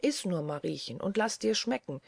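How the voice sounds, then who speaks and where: A woman's voice: on the low side, lively intonation, normal speed, gravelly, darkish tone, breathy edge, no echo, heavily acted. A woman voicing a kindly companion who whispers encouragement. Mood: encouraging.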